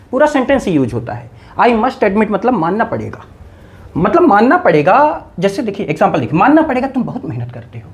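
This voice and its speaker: Male teacher, lively swooping intonation, animated explanation, playful mock scolding. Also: sits high. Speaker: English teacher. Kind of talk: explaining grammar in a video lesson.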